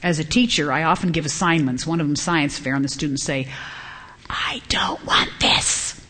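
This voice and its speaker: A middle-aged woman teaching from the Bible to a women's gathering, earnest and climbing high and emphatic when she stresses a point, acting out the voices of children and parents. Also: fast talker, a bit bright, a little hiss or hum. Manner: acts out quoted children and parents.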